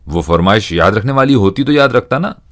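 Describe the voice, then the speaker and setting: A man's voice: on the low side, expressive, a little fast, fairly bright tone. A man reading as a jolly, hard-up middle-aged friend. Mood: jovial. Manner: laughs often, protesting.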